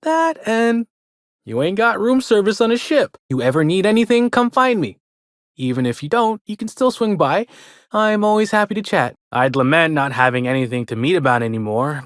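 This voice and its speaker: A man's voice: fairly high pitch, no room sound, studio quality, close to an everyday voice. A man voicing a chirpy, chatty old-fashioned hotel bellhop in a video game, with a folksy American way of talking. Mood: friendly, chirpy, then wistful, folksy. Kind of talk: video game character dialogue.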